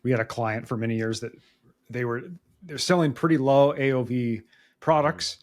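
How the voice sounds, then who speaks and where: Male interviewer with a mid-pitched voice. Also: moderate pace. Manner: plain-spoken, recapping and checking understanding. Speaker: interview host. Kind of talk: casual business interview.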